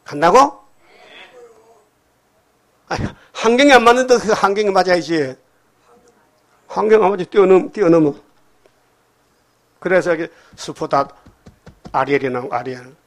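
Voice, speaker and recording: Older male pastor, lively preaching style with rhetorical questions, somewhat high voice, church setting. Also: normal speed, pauses often. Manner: animated, peppered with rhetorical questions to the congregation. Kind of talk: sermon. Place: church sanctuary.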